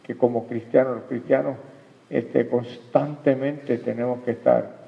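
A male preacher with a gravelly, fry-laced voice, speaking to his congregation and often asking them questions and calling them brother. The sound is lo-fi and dull, and his voice rings with long reverb from a church hall. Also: medium pitch, fairly even intonation, unhurried. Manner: addresses the congregation directly with questions and "hermano". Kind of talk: sermon.

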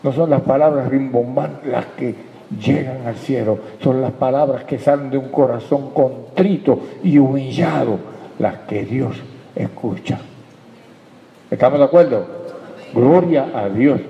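A man's voice: mid-range voice, unhurried, vocal fry, a little hiss or hum. Man preaching in echoey hall. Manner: preaching with call-and-response amens, dropping to hushed prayer. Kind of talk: sermon. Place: church hall. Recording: echoey hall, dull lo-fi sound.

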